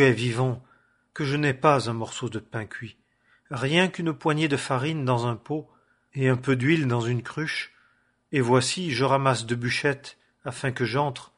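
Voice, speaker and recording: A destitute widow speaks in a despairing, pleading way, voiced by a man reading scripture aloud. The voice stays at a middle pitch with a husky, breathy edge. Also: unhurried, a bit bright.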